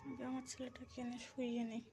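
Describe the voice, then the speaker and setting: A young woman chatting casually to her viewers on a phone camera, at times speaking softly because her child is asleep. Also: fairly high pitch, monotone, fast talker, slight background noise. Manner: chatty, talks softly while child sleeps. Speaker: vlogger. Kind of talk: casual home vlog chat. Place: home, then outdoors in a field.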